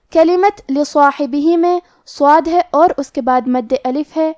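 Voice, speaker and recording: A woman with a high, clear voice teaches the rules of Quran recitation in a calm, step-by-step way. She explains each rule plainly and then recites the words slowly. The sound is dry and close, with no room echo. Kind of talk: tajweed lesson with slow recitation.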